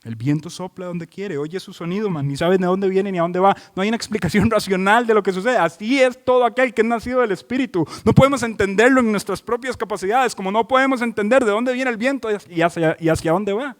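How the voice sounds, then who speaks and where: A man delivers an expository sermon in a notably high voice. He preaches emphatically, stacking repeated phrases and turning to the congregation with questions. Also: quick pace, hardly any pauses, in a large hall. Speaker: pastor.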